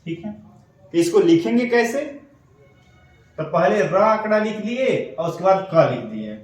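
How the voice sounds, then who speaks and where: A man's voice: high-pitched, animated, unhurried, heavy reverb, far from the mic, poor audio. A man teaching an online shorthand class, explaining step by step and checking in often. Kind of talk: online lesson.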